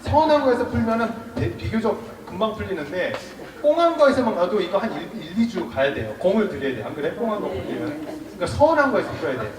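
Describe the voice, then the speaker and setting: A man in his forties, a monk giving a public lecture, lively and quizzing the audience, with acted-out dialogue. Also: sits high, fast, crowd noise. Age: 40s. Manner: lively, asks the audience questions, acts out quoted dialogue. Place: temple lecture hall with audience. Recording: echoey hall, mic from far off, audience around.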